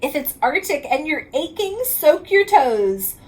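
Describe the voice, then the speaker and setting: A reading specialist with a very high voice reads a children's picture book aloud to kids. Her pace is slow, her rhythm sing-song, and her pitch rises and falls in a lively way as she stretches out the ends of lines in a rhyming delivery.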